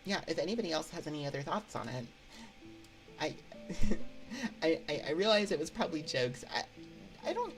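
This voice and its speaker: A woman hosts a livestream, chatting with viewers in a hesitant, rambling, giggly way into a binaural 3Dio ASMR microphone while music plays behind her. Her low voice is very animated, at normal speed with long pauses, and the recording is rough.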